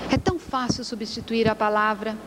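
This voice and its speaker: A woman gives a spiritist lecture in a lecture hall, telling her story slowly and with emphasis. Her voice is somewhat high. A long reverb follows her words, and faint traffic noise runs underneath. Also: steady tone, a bit bright.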